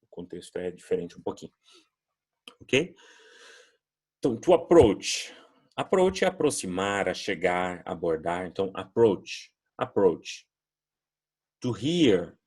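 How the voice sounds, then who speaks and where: A man's voice: sits low, lively intonation, measured pace, pauses often, a little mellow, slightly rough. A Brazilian man teaching an English lesson, patiently explaining words and modelling pronunciation drills. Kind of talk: recorded classroom lesson.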